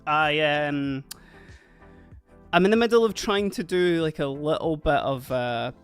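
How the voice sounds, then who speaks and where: Speaking unhurriedly in a slightly high, clear and resonant voice, this Dundee streamer chats and rambles in a Scottish accent during a livestream. He laughs often and does other things as he talks. Faint music can be heard in the background.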